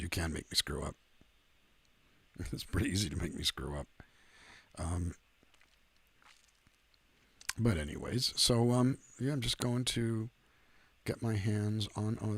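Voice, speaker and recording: A man's voice: on the low side, vocal fry, fairly bright tone, breathy edge. A middle-aged man, a singer-songwriter hosting a livestream, chatting casually in a rambling, self-deprecating, joking way.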